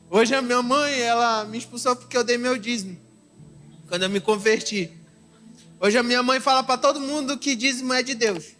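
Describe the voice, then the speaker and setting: A young adult man with a Brazilian accent, an evangelist preaching an emotional sermon with personal testimony at a church service. He swings from loud exclaiming to soft confiding and keeps calling the listeners "irmão". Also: extremely high pitch, normal speed, pauses often, faint music behind. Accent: Brazilian Portuguese.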